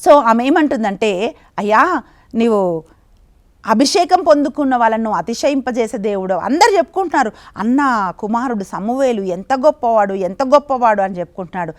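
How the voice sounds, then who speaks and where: A woman's voice: fairly high pitch, lively intonation, moderate pace. A middle-aged woman preacher giving a sermon and leading a fervent, pleading spoken prayer. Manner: fervent, pleading prayer with repeated address to God.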